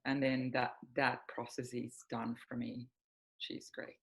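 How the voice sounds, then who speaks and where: A woman's voice: a bass voice, little pitch movement, measured pace, low-quality recording. Woman in her forties. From Finland. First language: Finnish. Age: 40s. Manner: reflective, open, many soft fillers. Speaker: guest, healing coach. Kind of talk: casual interview chat.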